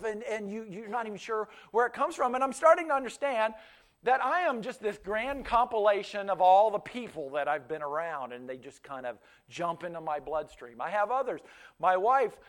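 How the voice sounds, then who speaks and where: This male pastor, in his fifties, grew up speaking Pennsylvania Dutch and preaches in an extremely high, somewhat bright voice. His sermon unfolds like conversational storytelling, with repeated words and frequent restarts.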